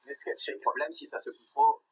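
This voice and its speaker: A man's voice: on the high side, steady tone, unhurried, highs cut off, a little hiss or hum. A man speaking as a cameraman in a nature documentary, in interview and field talk. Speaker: underwater cameraman.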